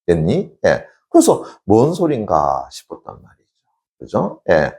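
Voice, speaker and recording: Deep rough-voiced guy teaching a class, pitch swings all over, keeps asking if you got it and answering himself. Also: unhurried. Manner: constantly checks in with students, answering himself; animated storytelling, sound effects. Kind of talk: Korean classics lecture, storytelling.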